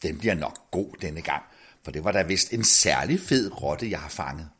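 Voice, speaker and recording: A man's voice: low-pitched, animated, a bit bright, breathy edge, heavily acted. A man voicing an older woman who cooks soup in a huge pot and scolds and mutters to herself. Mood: musing.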